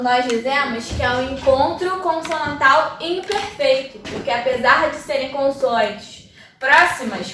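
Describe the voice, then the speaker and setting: A woman's voice: high voice, fairly bright tone, slight background noise. A woman with a Brazilian Portuguese accent teaching a lesson, explaining step by step and checking in with her listeners. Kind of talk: classroom lesson. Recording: very echoey room, mic far off.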